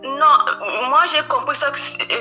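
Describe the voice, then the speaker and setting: A woman in her forties calling a prophet, talking in a hesitant, halting, apologetic way. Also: high-pitched, muffled recording, music in the background. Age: 40s. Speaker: caller.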